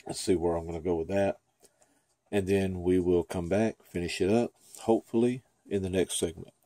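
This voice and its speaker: A man's voice: low voice, steady tone, moderate pace, mellow, no room sound. A man giving a casual, chatty painting lesson at his easel, thinking aloud as he works. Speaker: painting instructor. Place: dim room at an easel.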